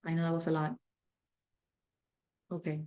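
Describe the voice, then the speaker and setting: A woman's voice: low voice, level tone, normal speed, mellow. A woman leading a leadership training class, talking loosely with many fillers and restarts. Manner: conversational, filler-heavy, repeats herself. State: out of breath. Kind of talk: live online class.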